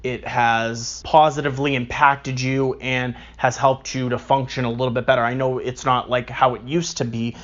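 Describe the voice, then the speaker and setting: A man hosting a reflective interview, speaking calmly and reassuringly like a counsellor, with a dull lo-fi recording. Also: mid-range voice, moderate pace, hardly any pauses. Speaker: podcast host interviewing a relative.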